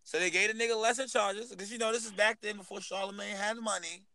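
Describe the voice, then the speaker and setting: High voiced guy on a podcast, loud and animated, cussing a lot. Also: quick pace, low-quality recording. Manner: animated storyteller, profane slang. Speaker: podcast co-host. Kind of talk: casual heated chat.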